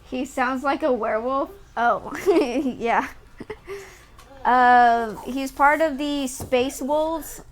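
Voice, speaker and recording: Higher-voiced woman streaming a game. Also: drawn-out words. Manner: chatty, amused, explains lore to listeners. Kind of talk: gameplay commentary and reading game text aloud. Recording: faint background noise.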